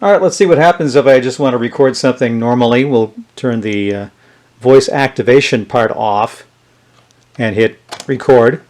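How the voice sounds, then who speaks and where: A vintage electronics reviewer, a man with a medium-pitched, slightly mellow voice, casually walks through a hands-on demonstration at a moderate pace. Unscripted, he thinks aloud while testing, like a hobbyist showing off a device.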